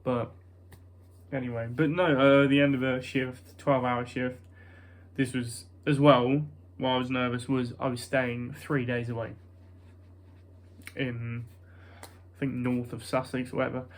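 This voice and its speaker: A young man with a British accent talks in a nasal voice at a middling pitch. He rambles in a casual vlog style, self-conscious and hesitant, often dropping a thought halfway and starting on another. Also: little pitch movement, unhurried. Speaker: vlogger.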